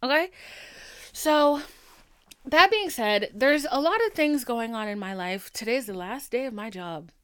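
A woman's voice: on the high side, expressive, measured pace, smooth, dry recording. A woman podcast host chatting casually and confessionally to listeners, candid, slangy and emphatic.

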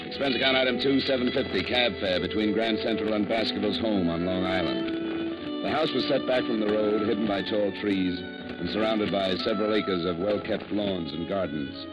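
A man's voice: on the low side, normal speed, lightly acted. An actor playing a dry, wisecracking insurance investigator who narrates his own case, in an old radio drama. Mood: narrating. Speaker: narrator and lead. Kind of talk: 1950s radio drama acting. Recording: dull old radio broadcast with music.

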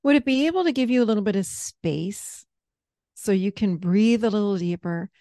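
A woman therapist gently guiding someone through a parts-work session with patient, step-by-step prompts. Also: mid-range voice, lively intonation, normal speed, dry recording, clean studio sound.

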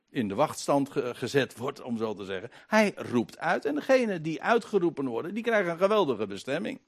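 A man preaching a sermon, emphatic, slowing down to stretch key words and swinging between loud peaks and quiet asides. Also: medium pitch, no echo, clean studio sound.

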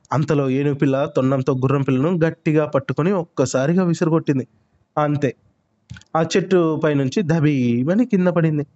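A man telling a children's story, expressive and full of lively sound words. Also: on the high side. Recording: muffled lo-fi recording.

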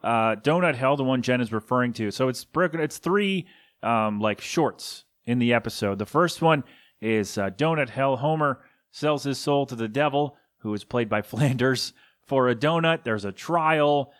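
A man's voice: medium pitch, moderate pace. A man hosting a casual solo podcast, rambling through listener suggestions with chuckling asides and lots of ums and uhs. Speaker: podcast host.

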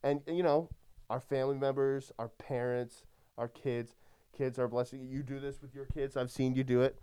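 A priest chatting casually on a podcast, his voice smooth and resonant at an ordinary middle pitch. He rambles easily and often leans on "like" and "you know.". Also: little pitch movement, moderate pace, warm tone. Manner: easygoing, heavy use of "like" and "you know".

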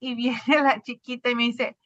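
A woman's voice: fairly high pitch, level tone, normal speed, no echo, muffled recording. A mother chatting casually in a parenting group, rambling and correcting herself as she talks. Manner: warm, rambling, self-correcting, laughs while telling. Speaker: participating mother. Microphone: video call.

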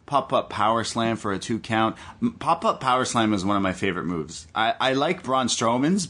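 A man's voice: lowish voice, fairly bright tone. A man hosting a podcast, giving a casual, enthusiastic fan's recap of a wrestling match. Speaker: podcast host.

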